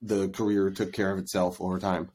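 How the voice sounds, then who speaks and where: A man from Egypt, a product marketer guesting on a podcast, tells stories casually in informal, slangy speech packed with quoted asides. His voice is low and darkish, his delivery flat and a little fast, with slight background noise.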